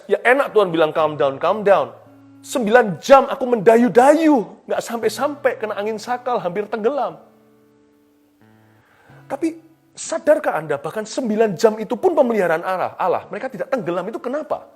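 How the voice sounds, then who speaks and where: A man preaching a sermon on a live stream, swinging between soft and loud delivery and mixing in English phrases. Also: on the high side, husky. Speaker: pastor.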